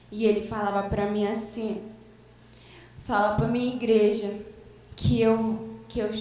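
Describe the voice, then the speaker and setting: A Brazilian woman with a Brazilian Portuguese accent giving a fervent church testimony, retelling a vision full of quoted lines. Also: fairly high pitch. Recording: very echoey church, voice far from the mic.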